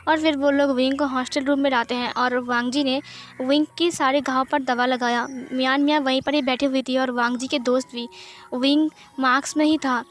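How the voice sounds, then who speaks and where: High-voiced woman narrating a story. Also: normal speed, a little hiss or hum. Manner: steady, plain storytelling. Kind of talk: Hindi fan-fiction narration.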